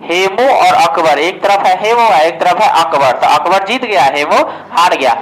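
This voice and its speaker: A man's voice: high-pitched, expressive, normal speed, a bit bright, poor audio. A man giving a casual exam-prep history lesson, asking questions and answering them himself. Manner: asks questions and answers them himself, often says "ठीक है". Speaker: exam coaching teacher.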